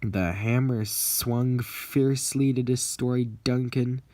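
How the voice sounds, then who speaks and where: A man narrating a homemade fan story aloud in a plain, unhurried way. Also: mid-range voice, steady tone, dark tone.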